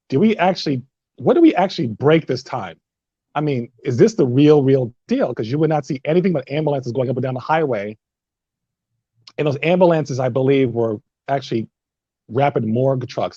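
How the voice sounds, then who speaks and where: A man with a warm, mellow voice tells a vivid story on a webinar panel. The audio is dry, with no room sound, and comes through a slightly dull video call line. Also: medium pitch, fairly quick, slightly rough, dry recording.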